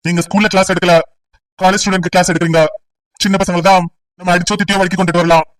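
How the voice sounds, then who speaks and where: A man playing a stern police officer and father in an amateur audio drama, brisk and lecturing. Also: high voice, level tone, a bit bright, distant mic, poor audio. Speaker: police officer leading an enquiry.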